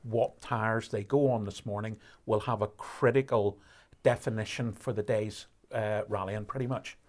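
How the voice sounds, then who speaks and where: A man commentating on a rally live stream, explaining conditions in a measured way with fillers and restarts. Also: fairly low pitch, steady tone, a little mellow.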